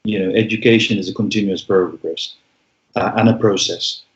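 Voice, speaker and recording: A man in his forties, born in Bangladesh, speaking as an interview guest in a reflective way, with frequent pauses and restarts. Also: fairly low pitch, steady tone. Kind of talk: interview conversation. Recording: echoey room, dull sound.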